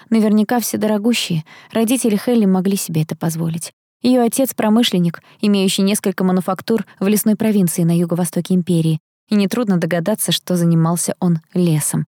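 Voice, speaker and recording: A woman narrating a first-person audiobook in a calm, even way. Her voice is mellow and warm. The recording is close and dry. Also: medium pitch, dry recording.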